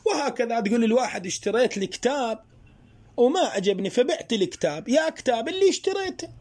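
A man teaching a grammar lesson. He explains slowly through worked examples and asks his students rhetorical questions. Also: extremely high pitch, expressive, a little mellow. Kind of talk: spoken Arabic grammar lesson.

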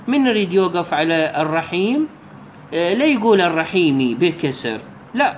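A man with an Iraqi Arabic accent giving a religious lesson, explaining step by step and slowly reciting example phrases. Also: high-pitched, a little hiss or hum. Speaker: religious teacher.

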